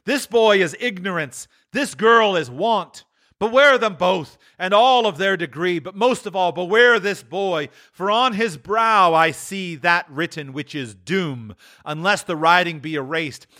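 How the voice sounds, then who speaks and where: A man doing a high, stern dying spirit. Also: expressive, a little slow, full character voice. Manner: grave, accusing, rising to loud cries. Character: aging giant male spirit, solemn and stern. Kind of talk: storybook reading.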